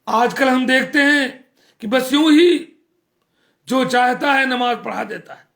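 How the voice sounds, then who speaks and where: High-voiced preacher man, earnest and scolding. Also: creaky, a bit bright. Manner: earnest, scolding, repeats phrases for emphasis. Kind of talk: sermon.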